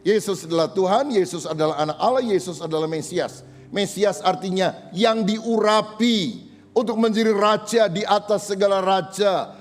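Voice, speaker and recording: A male pastor preaching a sermon in a casual, joking manner, acting out the people he quotes. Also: high voice. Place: church service. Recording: reverberant hall with faint music.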